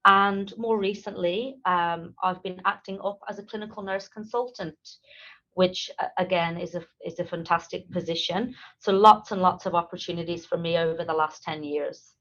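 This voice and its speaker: A woman's voice: fairly low pitch, fairly even intonation, normal speed, fairly bright tone, highs cut off. A woman, a nurse speaking as a guest on a casual interview, enthusiastic and full of ums. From Ireland.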